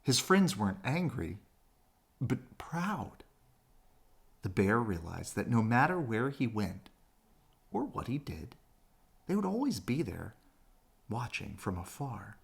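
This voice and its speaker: This man's voice is mid-range and gravelly as he reads a kids' story aloud. His bedtime delivery is expressive, with lines drawn out for drama.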